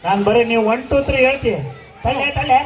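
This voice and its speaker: A man's voice: very high-pitched, brisk. A man, performing comedy on stage and teasing the audience. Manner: teasing, bantering with the crowd. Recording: far from the mic, loud crowd, noisy.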